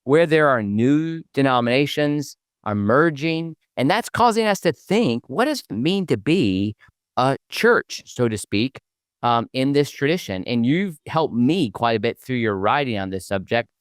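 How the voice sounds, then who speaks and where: A man's voice: mid-range voice, big pitch swings, measured pace, clear, resonant tone, no room sound, clean studio sound. A man hosting a podcast interview, talking in an upbeat, promotional way. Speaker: podcast host.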